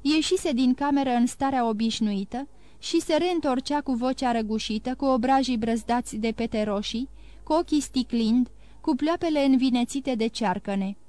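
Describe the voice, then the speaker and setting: A woman narrates a classic novel in a steady, even voice. Her pitch sits a little high. The recording is dry and close, with no room sound. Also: dry recording. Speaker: audiobook narrator.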